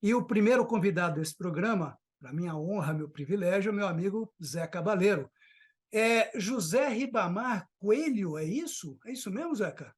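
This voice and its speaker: High-voiced man hosting an interview. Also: expressive, normal speed, slightly rough. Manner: friendly, affirming interjections. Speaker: podcast host. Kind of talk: interview questions.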